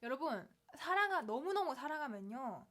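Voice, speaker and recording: A woman giving a children's sermon, gently telling a story, asking the kids questions and acting out voices. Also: high-pitched, big pitch swings, normal speed. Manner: acts out quoted voices in the story. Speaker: children's ministry preacher.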